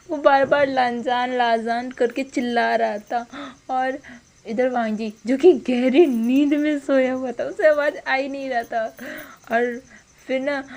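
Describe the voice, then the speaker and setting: A woman with a fairly high voice retells a story in a loose, casual way. She chats along and keeps turning to talk to her listeners directly. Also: darkish tone. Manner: chatty, addresses listeners directly.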